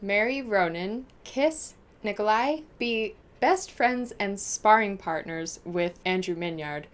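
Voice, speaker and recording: Taking it slowly in a medium-pitched voice, a young woman from the United States chats casually with her viewers as a book vlogger, answering their questions in an animated, gushing, informal manner.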